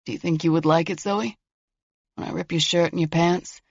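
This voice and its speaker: A woman reading a horror story voices an unhinged male killer who taunts through a locked door, mocking and sing-song at first before sinking into hushed threats. The menacing voice is lowish and creaky with fairly even intonation at normal speed. The recording is dull, lo-fi and dry, with no room sound.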